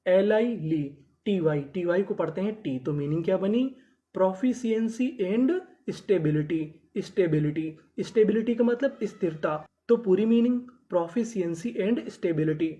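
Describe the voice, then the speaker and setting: A man teaching an English phonics lesson in Hindi. He asks questions, answers them himself, and sounds out letters slowly before blending them into words. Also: sits high, warm tone, lo-fi sound.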